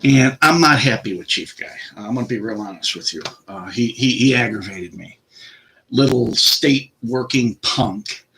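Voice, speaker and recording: A man's voice: medium pitch, animated, normal speed, vocal fry, sharp tone, slight background noise, low-quality recording. A middle-aged man telling a story in a casual, indignant rant and acting out both sides of the argument.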